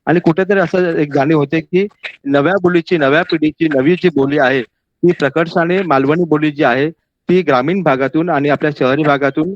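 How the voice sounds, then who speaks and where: A man, compering a poetry event and speaking with frequent pauses and restarts. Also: fairly high pitch, steady tone, dry recording. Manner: hesitant, many fillers and restarts. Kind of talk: stage announcing and speech. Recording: dull lo-fi sound.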